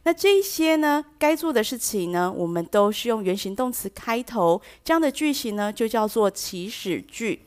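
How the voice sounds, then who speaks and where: A woman's voice: on the high side, lively intonation, moderate pace, few pauses. A woman hosting a bilingual English lesson who explains patiently and drops English phrases into her talk. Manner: acts out example sentences with shifting stress. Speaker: language teacher host.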